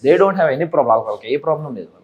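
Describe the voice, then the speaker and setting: A young man talks fast and confidently in an interview, mixing English words into his speech. His voice sits a bit high for a man. He is a reality show contestant. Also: lively intonation, lo-fi sound. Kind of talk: casual interview talk.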